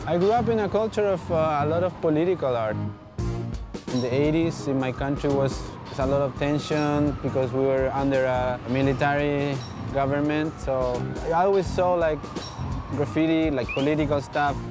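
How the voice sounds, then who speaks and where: A man's voice: on the high side, moderate pace, music in the background. A man from Chile with a Chilean accent, speaking in a reflective, plain way in a documentary interview.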